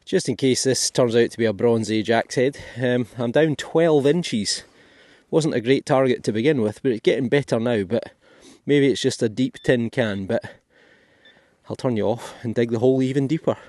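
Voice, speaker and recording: A man's voice: mid-range voice, moderate pace, darkish tone, no room sound, studio quality. A Scottish man giving chatty, thinking-aloud commentary as he digs finds in a field for his metal detecting vlog. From Scotland. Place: outdoors in a field.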